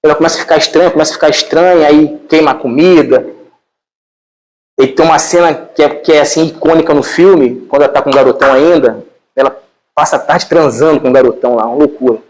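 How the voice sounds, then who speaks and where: Speaking quickly in a voice on the high side, a man with a Brazilian Portuguese accent gives an informal lecture. He retells a film in an animated, colloquial way, repeating fillers often, and the recording quality is low.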